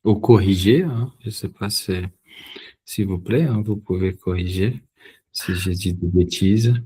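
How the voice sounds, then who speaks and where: A Brazilian man, a native Portuguese speaker, hosts an online spiritist study group in a low, dark, slightly rough voice. He speaks slowly and haltingly, often restarting and repeating words as he searches for them.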